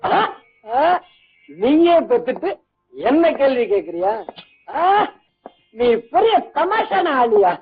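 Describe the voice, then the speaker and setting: A man's voice: very high voice, big pitch swings, slow pace, long pauses, heavily acted. An actor playing a young man who bitterly accuses his cruel father with mocking, taunting questions. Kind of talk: 1980s film acting. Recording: tinny old film soundtrack, faint music.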